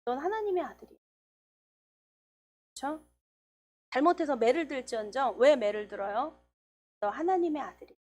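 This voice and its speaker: Woman, middle-aged, sermon, high pitch, storytelling. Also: moderate pace, long pauses, slight background noise. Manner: storytelling with lively quoted dialogue. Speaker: preacher.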